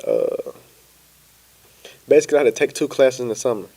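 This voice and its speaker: A young man from Florida, a podcast guest telling his story in an easygoing, relaxed way. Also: medium pitch, a little fast. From Pensacola, Florida. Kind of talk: casual interview chat.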